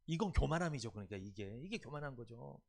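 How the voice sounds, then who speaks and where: A man's voice: mid-range voice, quick pace, creaky. A man preaching a Sunday sermon, asking the congregation questions and repeating key words. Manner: lively, rising and dropping loudness. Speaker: pastor.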